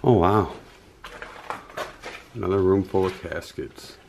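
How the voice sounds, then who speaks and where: A man in his thirties exploring an abandoned basement, making relaxed, impressed remarks from a distance. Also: sits low, slow pace, gravelly, slight background noise. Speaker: filming companion. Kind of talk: casual exploring chat.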